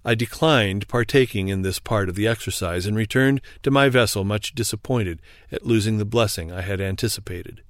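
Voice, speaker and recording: A man's voice: on the low side, no echo. Man reading a memoir, dry close sound. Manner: measured, formal storytelling. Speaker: audiobook reader. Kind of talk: scripted narration of a memoir.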